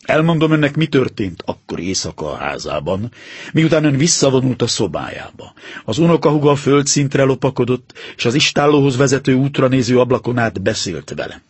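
A man voicing a calm, stern detective in an audiobook reading, explaining in a measured, authoritative way. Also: mid-range voice, slightly rough, no echo. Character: calm, stern male detective, confident and precise.

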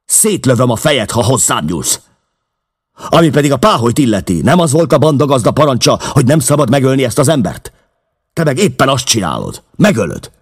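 A man voicing a defiant, hot-tempered young gang member who shouts threats in an audiobook reading. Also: medium pitch, very animated, husky, pitched above the performer's own voice. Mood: furious.

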